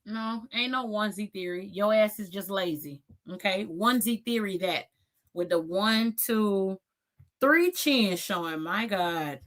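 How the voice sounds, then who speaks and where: A woman's voice: medium pitch, unhurried, fairly bright tone. A woman in her forties hosting a reaction channel, giving blunt, sassy commentary and tagging her points with "okay?".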